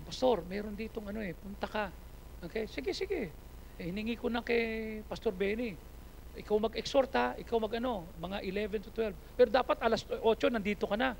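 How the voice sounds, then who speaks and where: A man with a Filipino accent preaching a sermon as pastor, switching between English and Tagalog, dropping to quiet asides and rising to loud, pleading exhortation. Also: high voice, creaky, a little hiss or hum, poor audio.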